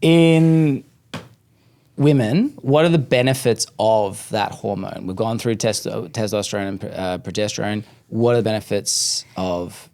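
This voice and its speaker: A man's voice: fairly low pitch, measured pace, gravelly, a little mellow. A man hosting a podcast, chatting casually, asking questions and joking. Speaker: podcast host. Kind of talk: casual chat.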